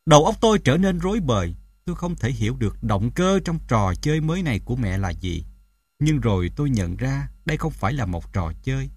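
Husky guy narrating a story, lively up and down voice, dead dry sound. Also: medium pitch, no echo. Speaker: audiobook narrator. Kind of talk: first-person audiobook narration.

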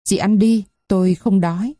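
A woman's voice: medium pitch, fairly even intonation, moderate pace, dark tone, dry recording, clean studio sound, lightly acted. A woman voicing a young servant girl who politely but stubbornly refuses food.

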